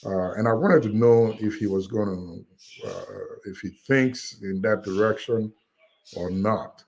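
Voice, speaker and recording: A Nigerian man with a Nigerian accent shares his views in a casual panel discussion in the United States, using many fillers and restarts. His lowish voice is a little slow and mellow, and the rough recording carries a bit of hiss or hum.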